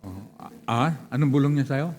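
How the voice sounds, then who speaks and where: A man's voice: mid-range voice, fairly quick, darkish tone, a little hiss or hum. A man preaching a sermon as pastor, throwing questions and calls of praise to the congregation. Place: church hall. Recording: long church reverb.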